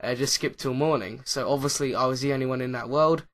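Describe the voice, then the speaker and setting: A man's voice: medium pitch, fast. A man talking casually over his Minecraft footage as a YouTuber, hesitant and full of uh and um fillers, often losing track mid-sentence. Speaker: YouTuber, Minecraft Let's Player. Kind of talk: casual commentary over gameplay.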